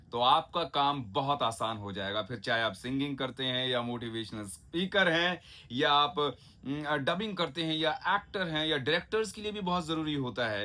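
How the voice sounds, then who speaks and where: Bright-voiced man teaching careful pronunciation. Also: a little high. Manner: drawn-out, carefully enunciated example words; chatty, asks listeners "ठीक है?" and "है ना?". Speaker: diction teacher. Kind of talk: Hindi pronunciation lesson.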